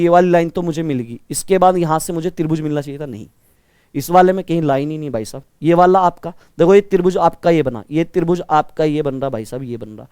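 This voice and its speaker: A man with a naturally loud voice teaching a live online reasoning lesson, energetic and quizzing his students like brothers. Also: on the high side, clear, resonant tone, no echo, clean studio sound. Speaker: reasoning teacher for exam prep.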